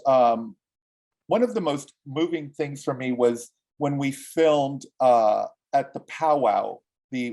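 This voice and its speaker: A man from Cuba, a filmmaker answering interview questions in an earnest, halting way with many restarts. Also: medium pitch, mellow.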